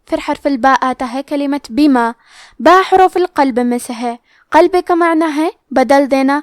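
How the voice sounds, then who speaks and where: A woman teaching Quran recitation rules, explaining each letter and rule slowly and carefully. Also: high voice, no room sound, clean studio sound. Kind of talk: tajweed lesson explanation.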